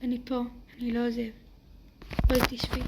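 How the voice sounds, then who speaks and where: A woman in a whispered role-play voicing a gentle teenage boy who soothes a crying girl with soft, repeated reassurances. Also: a little high, monotone, vocal fry, noisy background. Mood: soothing.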